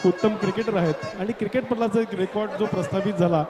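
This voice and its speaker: A man's voice: high-pitched, fairly even intonation, fast talker, music in the background. A man with a Marathi Indian accent making emphatic, exclamatory live cricket commentary and stage announcements. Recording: echoey PA sound over loud crowd. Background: cheering crowd.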